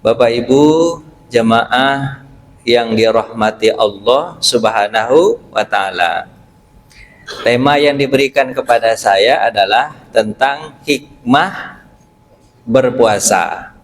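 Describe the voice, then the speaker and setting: A middle-aged man from Pariaman, West Sumatra, Indonesia, a preacher and university lecturer with a Pariaman Minangkabau accent, gives a short mosque sermon. He jokes and quizzes the congregation with questions, speaking slowly in a mid-range voice with long pauses. The recording quality is low.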